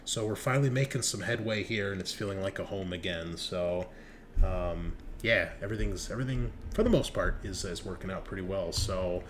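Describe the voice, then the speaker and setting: Low-pitched and brisk, the man serves as host and game master, keeping the chat casual and enthusiastic with lots of slang and swearing. Background noise is noticeable throughout.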